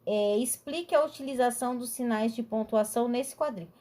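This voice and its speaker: A woman's voice: a little high, a little fast, warm tone. A woman teacher with a Brazilian Portuguese accent, explaining a lesson patiently and often checking in with her students. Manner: patient, explanatory, tags sentences with "né?". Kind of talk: recorded online class.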